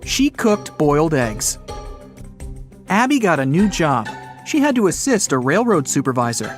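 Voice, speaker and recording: Male narrator for riddle stories, slightly high voice, very animated delivery. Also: unhurried, faint music behind.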